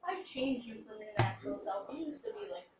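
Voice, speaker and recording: A woman's voice: fairly high pitch, animated, fast talker. A young woman vlogger with a teasing, playful manner, chatting casually in a home kitchen. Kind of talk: casual joking chat. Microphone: camera mic across the room. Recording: echoey, distant, muffled and noisy.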